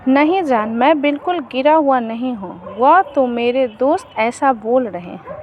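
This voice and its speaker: A woman's voice: high voice, expressive, unhurried, muffled recording, slight background noise. A woman voicing a smug, mocking young man. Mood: taunting. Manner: mocking, coaxing. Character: smug young male blackmailing boyfriend.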